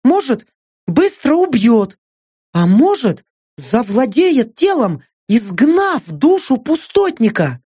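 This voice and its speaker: A male audiobook narrator voicing a fretful young woman, raising his voice high and asking worried questions. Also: very animated, slow, dark tone, husky, heavily acted. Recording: dull lo-fi dry audiobook.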